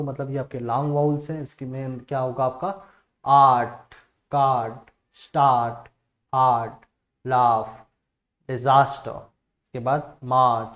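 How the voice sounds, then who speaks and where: A man teaching phonetics, reading out example words louder and checking whether students understand. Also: medium pitch, lo-fi sound. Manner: reads word lists aloud, louder on example words; asks "clear?" and says "okay" often. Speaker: English teacher. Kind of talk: phonetics lesson.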